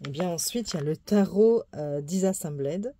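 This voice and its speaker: A woman's voice: on the low side, expressive, normal speed, mellow, slight background noise. A woman tarot YouTuber chatting casually as she shows and reviews her card decks, easygoing and full of small asides. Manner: chatty, easygoing, many fillers and small laughs. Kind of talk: casual show-and-tell deck review.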